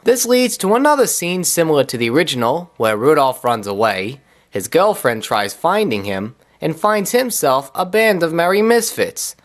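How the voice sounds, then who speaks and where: Sarcastic male reviewer, lively swinging delivery, comedic commentary. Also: a little high, normal speed. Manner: sarcastic, wisecracking. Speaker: cartoon reviewer.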